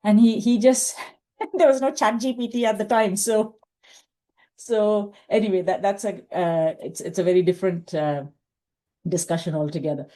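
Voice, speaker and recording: In a reflective interview, a middle-aged woman from India, Tamil being her first language, shares her career story. Her medium-pitched voice is dark and steady at a normal speed, sprinkled with fillers and restarts.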